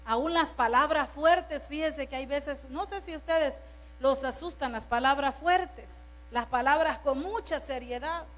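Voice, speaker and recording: A woman's voice: high voice, unhurried, a bit bright. A woman pastor preaching a sermon to her congregation, stressing word lists and turning to the listeners with asides.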